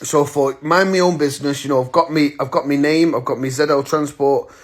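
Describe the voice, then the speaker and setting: A man's voice: a little high, steady tone, brisk. Blunt, slangy man telling a story. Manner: blunt, slangy, acts out the moments he retells. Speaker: vlogger. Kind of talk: casual storytelling to camera.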